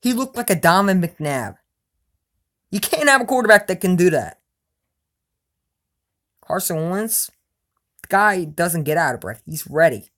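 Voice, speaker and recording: A woman with a slightly low voice rants as a sports fan vlogger answering her viewers. She is emphatic and blunt, with loud outbursts that drop to low mutters. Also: animated, unhurried, long pauses. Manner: emphatic, repeats "you know what I'm saying". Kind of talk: casual opinionated rant.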